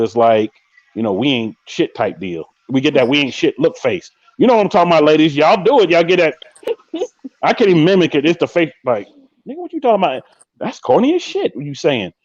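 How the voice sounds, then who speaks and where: A man hosting a live podcast, chatting casually and telling stories in a slangy, animated way, acting out quoted lines. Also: on the high side, no room sound, dull audio. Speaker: podcast host. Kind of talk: casual live-stream chat.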